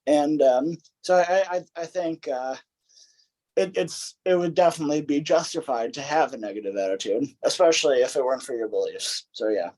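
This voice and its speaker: A man's voice: a little high, normal speed, a little mellow, low-quality recording. A man hosting an interview who agrees readily and talks with many fillers and restarts. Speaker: interview host. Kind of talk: interview conversation.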